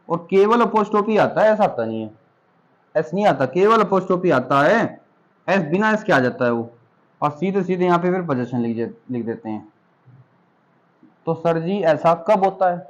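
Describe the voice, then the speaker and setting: A man's voice: a little high, rough recording. A man teaching English grammar to students in a classroom, patient and explaining step by step. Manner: patient, addresses students as beta.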